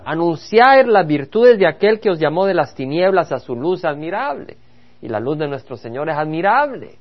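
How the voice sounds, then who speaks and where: A man's voice: sits high, dull audio. A man, a pastor, leading a Bible study sermon, reading scripture aloud and preaching with rising emphasis.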